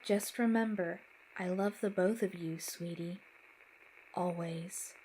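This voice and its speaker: Casting: woman doing a calm, tender Southern mom in a spooky story, soft and deliberate, slow, faint hiss behind. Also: lowish voice, low-quality recording. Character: dying mother, older woman, gentle and loving.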